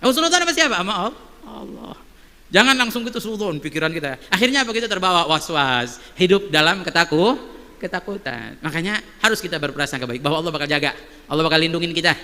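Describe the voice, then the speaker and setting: High bright man preaching in echoey hall. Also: fast talker. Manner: animated, many rhetorical questions. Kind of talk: sermon with storytelling. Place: mosque hall.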